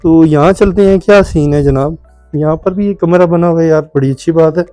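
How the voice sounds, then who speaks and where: A man with a Pakistani Urdu accent gives a relaxed walk-through of a house, wandering off into chatty side stories before coming back to the rooms. His voice sits a little high yet sounds dark and mellow. Faint music plays under him. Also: brisk. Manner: chatty, digressive, often adds "theek hai". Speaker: vlogger touring a house for sale. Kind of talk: casual walk-through commentary. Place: indoors and on a rooftop of a house.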